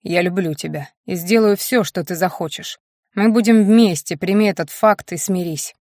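A woman voicing a possessive, domineering male werewolf husband in a low, hushed, insistent tone. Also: moderate pace, dry recording, studio quality, close to an everyday voice.

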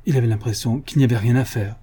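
Guy reading an old detective novel, measured and literary, husky low-toned voice. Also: dark tone. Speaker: audiobook narrator. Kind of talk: scripted audiobook narration.

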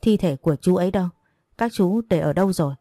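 A woman voicing a grieving seventeen-year-old who pleads and insists, in a low, dark voice. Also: fast, dry recording, clean studio sound. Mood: pleading. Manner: pleading, insistent, breaking into denial.

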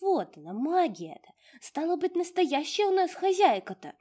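A woman putting on a tiny old female house spirit, high and sing-song, swooping up and down as she fusses and dotes in rustic, exclamatory speech. A faint huskiness sits on the voice of this storybook granny. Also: big pitch swings, moderate pace, a little mellow. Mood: fussing. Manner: folksy, doting, exclamatory.

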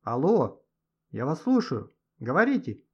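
Man doing an eager shouting boy. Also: fairly high pitch, big pitch swings, normal speed, breathy edge, pitched above the performer's own voice. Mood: eager, loud. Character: eager excitable schoolboy. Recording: dull lo-fi audio.

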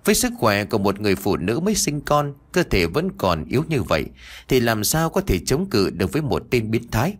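A man narrating a horror story in a steady, dramatic reading voice. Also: mid-range voice, brisk.

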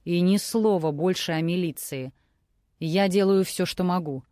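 A woman doing a hoarse, barking hungover man. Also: high-pitched, measured pace, dry recording, studio quality. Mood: furious. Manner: barking, shouting. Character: hungover angry middle-aged man, gruff.

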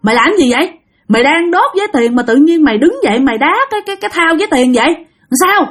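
A woman voicing a stern, worried father who fires brusque, rapid questions at a child. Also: high voice, lively intonation. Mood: demanding.

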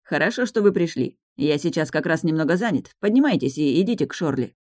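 A woman's voice: sits low, lively intonation, fast talker, a little mellow, dry recording, clean studio sound. A woman voicing a stern, weary young duke who speaks in cold, clipped tones. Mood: coolly polite.

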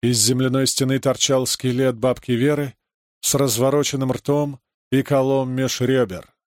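A man narrating a dark rural adventure story, reading scripted prose steadily. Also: mid-range voice, little pitch movement, moderate pace, no echo, studio quality. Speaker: audiobook narrator.

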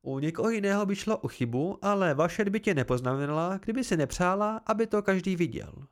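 A man reading an audiobook, voicing a gentle, curious young woman warrior in a soft, earnest, lightly raised voice. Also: high voice, expressive, pitched above the performer's own voice.

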